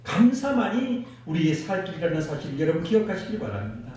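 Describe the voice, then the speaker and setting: A man preaching a sermon as pastor, animated and leading the congregation in responses. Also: on the high side, fast talker, recorded from a distance. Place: church sanctuary. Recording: echoey church hall, mic from afar.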